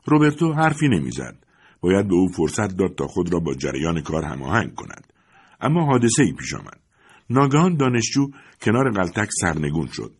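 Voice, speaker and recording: A man reading a story aloud as narrator, with expressive storytelling. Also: sits low, husky.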